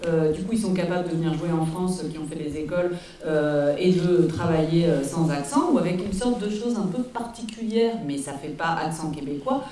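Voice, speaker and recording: A woman on a public panel about casting, talking in animated bursts with many restarts and fillers. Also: fairly low pitch, brisk, hardly any pauses. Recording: echoey hall, recorded from a distance.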